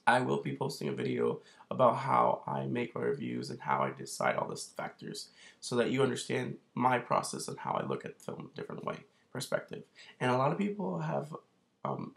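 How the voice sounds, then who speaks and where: A young man chats to camera in a rambling vlog, cracking jokes and talking himself up. His voice is gravelly, pitched in a middle range for a man. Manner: rambling, joking, self-promoting. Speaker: vlogger and film reviewer.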